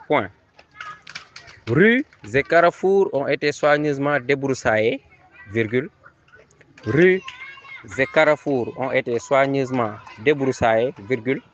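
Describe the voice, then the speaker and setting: A man's voice: medium pitch, slight background noise. A man reading a dictation aloud, repeating each phrase several times and calling out the punctuation. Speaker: teacher giving a dictation. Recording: dull lo-fi recording.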